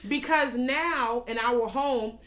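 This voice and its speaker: American woman, thirties, blunt, emphatic casual talker with a slightly high voice. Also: slow, fairly bright tone. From United States. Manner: frank and emphatic, swears freely. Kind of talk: casual conversation.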